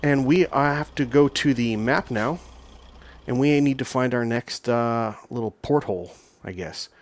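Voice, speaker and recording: While playing a truck-driving game, a man who runs a gaming channel chats loosely about what he's doing, often saying um and starting over. He speaks at a measured pace with a medium-pitched voice.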